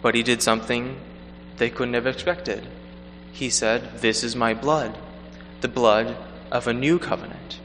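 A man reading the gospel and preaching a homily at Mass in a measured, earnest way, his voice ringing with cathedral echo in a large church. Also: medium pitch, fairly even intonation, fairly bright tone. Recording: long church reverb, faint hum.

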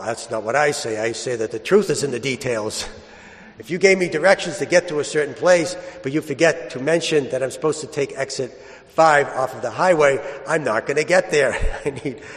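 A man, a priest, reading the gospel and preaching in a large church, telling stories plainly with some restarts. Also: mid-range voice. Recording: long church reverb.

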